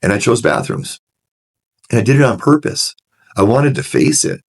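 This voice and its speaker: A middle-aged man in recovery work, frankly telling his own story in conversation, restarting sentences often and getting animated as he relives moments. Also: medium pitch, moderate pace, creaky, husky. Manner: earnest and frank, frequent restarts, grows animated when retelling scenes. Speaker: recovery director, podcast guest. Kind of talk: candid personal storytelling in conversation.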